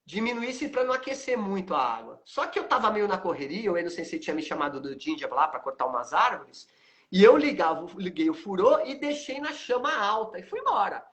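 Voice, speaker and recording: A man's voice: sits high, big pitch swings, a little fast, a bit bright. A Brazilian man in his fifties with a Brazilian Portuguese accent, hosting a live stream and telling stories animatedly, acting out the dialogue with frequent tag questions. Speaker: host, aikido teacher.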